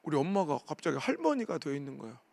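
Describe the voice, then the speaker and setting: A man in his forties, a pastor preaching a revival sermon, telling family stories in a lively way and acting out the voices of his relatives. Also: a little high, fast talker, vocal fry. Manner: animated storytelling, acting out family members' voices.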